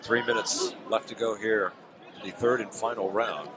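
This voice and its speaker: A man giving live MMA play-by-play in a booming, projected announcer delivery. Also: fairly even intonation, normal speed. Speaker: fight play-by-play commentator. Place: live sports arena. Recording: loud crowd and arena noise behind. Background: loud fight crowd.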